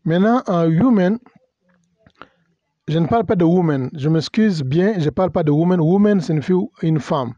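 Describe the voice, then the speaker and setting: A man's voice: a little high, animated, moderate pace, warm tone, no room sound, lo-fi sound. A male pastor giving a teaching sermon, hesitant and full of fillers, spelling out words and mixing in English terms. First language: bilingual English and French. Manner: hesitant, many fillers and self-corrections.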